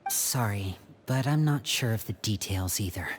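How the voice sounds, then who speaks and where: A man playing a composed, serious young agent in a video game, speaking in a measured, matter-of-fact, guarded way. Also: on the low side, animated. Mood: measured, resigned. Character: composed, serious young male member of a secretive orphan house.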